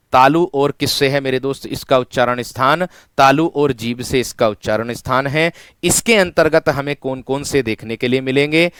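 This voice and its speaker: Man, online exam tutor, smooth clear voice, dry close sound, repetitive question-and-answer teaching. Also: on the high side, a bit bright, no echo. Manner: repetitive call-and-response questioning, addressing students as friend. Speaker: Hindi teacher for exam prep. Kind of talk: online exam-prep lecture.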